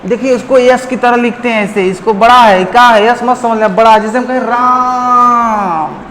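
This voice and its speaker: A man's voice: very high-pitched, steady tone, fairly quick, a bit bright. Playful male teacher in an echoey room. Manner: playful, jokey, calls listeners "friend", stretches words to show them. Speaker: Hindi grammar teacher. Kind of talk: online classroom lesson. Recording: echoey room with long reverb and faint noise.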